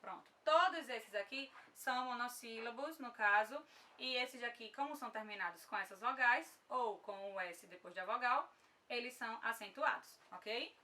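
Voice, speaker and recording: A woman's voice: on the high side, moderate pace, sharp tone, far from the mic. A woman with a Brazilian Portuguese accent teaching an online grammar lesson, patient, often checking in with her students.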